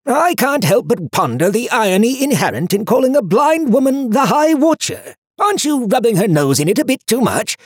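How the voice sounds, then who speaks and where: A man's voice: very high-pitched, sing-song, moderate pace, hardly any pauses, slightly rough, no echo, studio quality, pitched above the performer's own voice, exaggerated voice. A man voicing a fussy, pedantic talking book that lectures nonstop. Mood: mocking. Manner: lecturing, know-it-all. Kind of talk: audiobook character voice.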